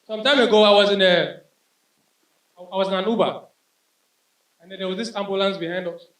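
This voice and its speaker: A man doing stand-up comedy on a club stage, telling a story and imitating sirens with high wails. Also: a little fast, fairly bright tone. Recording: roomy club sound from a distance.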